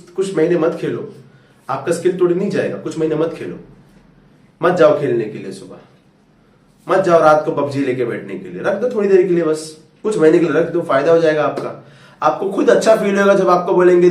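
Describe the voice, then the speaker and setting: A man's voice: on the high side, a little mellow. A male tutor giving a coaxing, fatherly motivational talk to students, calling them "beta". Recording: roomy echo, far from mic.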